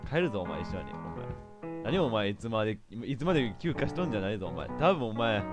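A man with a doing casual game commentary, rough and bossy, scolding and muttering to himself. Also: on the low side, sing-song, fairly quick. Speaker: game streamer. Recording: game video with loud background music.

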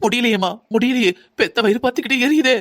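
Woman as an older mother-in-law in a cartoon: rapid, pleading and lamenting, doting on her wayward daughter. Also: a little high, close to an everyday voice. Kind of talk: cartoon drama voice acting.

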